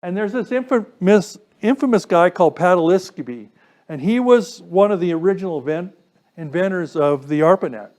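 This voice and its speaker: His high-pitched voice is expressive and a touch mellow, at a moderate pace. He presents a casual technical lecture to a radio club, explaining step by step and putting questions to the audience.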